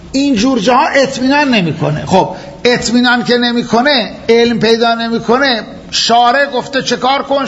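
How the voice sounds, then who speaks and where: Speaking high with a fairly bright tone, a man teaches jurisprudence at a seminary. His step-by-step explanation is studded with rhetorical questions and repeated key points. Faint noise runs through the dull, lo-fi audio.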